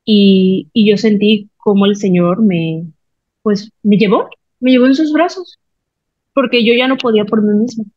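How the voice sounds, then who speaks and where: A woman gives an emotional personal testimony, retelling conversations in animated voices. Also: medium pitch, a little slow, dry recording, lo-fi sound. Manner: emotional, animated storytelling with lively retold quotes. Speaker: podcast guest.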